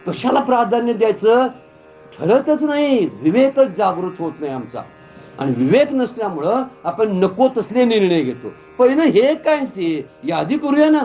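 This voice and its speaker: A man preaching a devotional story sermon in a temple, animated and full of rhetorical questions. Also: sits high, measured pace, muffled recording, faint music behind. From Kolhapur, Maharashtra. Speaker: Bhagavat katha preacher. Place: temple gathering.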